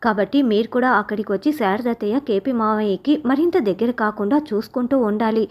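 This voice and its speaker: A woman's voice: on the high side, quick pace, darkish tone, natural voice. A woman voicing a sly young daughter-in-law who coaxes and schemes. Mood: coaxing. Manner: sly, coaxing.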